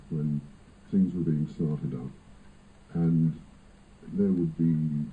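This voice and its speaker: A man plays an airline pilot, his voice electronically disguised to sound deep and slightly rough, and he talks haltingly and hesitantly. The audio has a tinny, phone-like band with faint noise.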